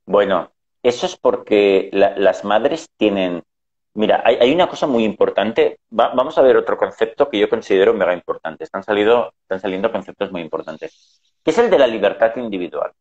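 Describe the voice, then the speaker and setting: A man's voice: lowish voice, lively intonation, moderate pace, a little mellow. A middle-aged man telling family anecdotes in casual conversation, acting out the voices he quotes. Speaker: guest. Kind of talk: conversational storytelling. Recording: dull lo-fi sound.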